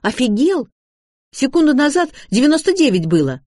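A man reading an audiobook, voicing an excitable, chirpy young woman who exclaims and uses slang. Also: sits high, normal speed, no echo, studio quality. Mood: excited.

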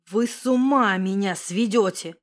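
A woman voicing a nervous young man who talks low, anxious and insistent. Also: unhurried. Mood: worried.

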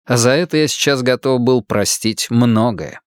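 A man narrating a first-person novel in an expressive, storytelling manner. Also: mid-range voice, moderate pace, clean tone, no echo, studio quality. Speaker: audiobook narrator.

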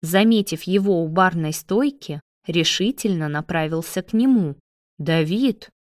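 A woman narrating an audiobook in an even, measured way. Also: lowish voice, dry recording, studio quality.

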